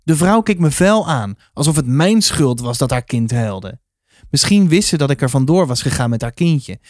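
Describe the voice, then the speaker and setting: A man reading a children's novel aloud in a calm, measured storytelling manner. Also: medium pitch, no echo, clean studio sound. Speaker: reader.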